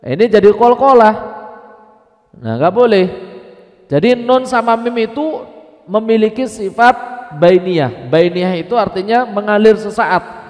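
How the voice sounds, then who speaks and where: A man teaching Quran recitation at an evening mosque class, chanting slow examples and then explaining them. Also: high-pitched, lively intonation. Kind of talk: mosque study class lesson. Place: mosque hall. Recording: reverberant mosque hall.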